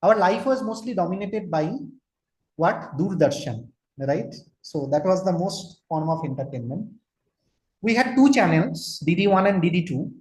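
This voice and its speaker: A Kolkata man in his forties with an Indian English accent delivers an online lecture as a trainer, putting questions to listeners and slipping into Hindi. His voice is high-pitched and darkish, expressive, at normal speed. The room gives a noticeable echo.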